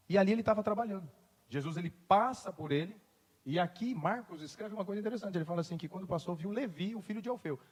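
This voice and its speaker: A man's voice: high voice, slightly rough. A man, a pastor preaching a sermon, moving from conversational storytelling to emphatic declarations. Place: church. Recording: long reverb in a church hall.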